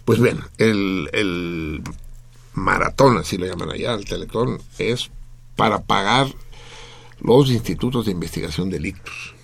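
Low, gravelly Mexican man. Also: measured pace. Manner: profane, lively explaining to listeners. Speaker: radio host. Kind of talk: casual radio talk.

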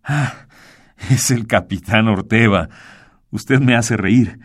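A man with a Mexican Spanish accent voicing a hardened, mocking male sailor in a radio drama reading, scornful and slow. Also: on the low side.

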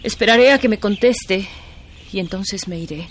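A weary but resolute young governess in a radio play, speaking in a firm and controlled way, played by an actress. Her voice sits at an ordinary pitch. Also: normal speed, gravelly, slight background noise, close to an everyday voice. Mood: firm resolved. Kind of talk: radio drama acting.

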